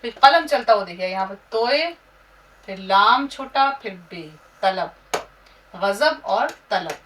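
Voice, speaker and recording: A woman teaches script, sounding out each letter and syllable at a very unhurried pace and now and then reciting verse. She sits some way from the microphone. A faint background noise runs under her voice. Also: mid-range voice, expressive, fairly bright tone. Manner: spells out letters and syllables slowly, recites couplets. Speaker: Urdu teacher. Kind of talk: slow script-writing lesson. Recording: distant mic with faint room noise.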